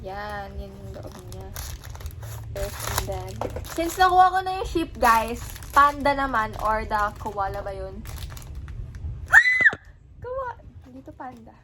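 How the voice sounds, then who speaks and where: Excitable woman unboxing toys. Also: fairly high pitch, measured pace. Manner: excited squeals, mixing Tagalog and English. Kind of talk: casual unboxing chat. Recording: loud background noise.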